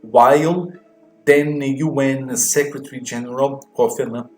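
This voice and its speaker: A man teaching an exam walkthrough lesson, explaining slowly and repeating words to model their pronunciation. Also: medium pitch, steady tone, darkish tone, echoey room, faint music behind. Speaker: English teacher.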